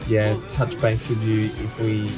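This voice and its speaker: A man's voice: on the low side, completely flat delivery, unhurried, darkish tone. A young Australian man filming a casual travel vlog with a handheld camera, laughing often. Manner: laughs often, chatty and upbeat. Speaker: travel vlogger. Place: apartment, bus, border checkpoint. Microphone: handheld camera at arm's length. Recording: background music.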